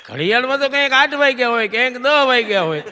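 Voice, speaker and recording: A man telling comic stories on stage, animated, throwing the punchline back to the audience as a question. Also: extremely high pitch, fast, in a large hall, some chatter behind. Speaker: stage comedian. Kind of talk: comic storytelling to a live audience.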